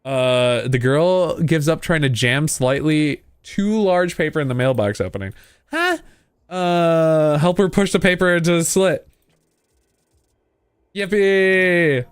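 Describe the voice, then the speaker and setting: A man's voice: on the high side, unhurried, clear, resonant tone, no room sound, studio quality. A man giving a casual, playful game playthrough, reading text aloud and muttering asides to himself. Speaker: gaming video host.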